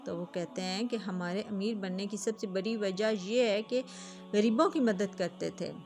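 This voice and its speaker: A woman's voice: mid-range voice, a little mellow. Earnest woman narrating a religious story. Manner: earnest, addresses viewers directly. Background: faint music.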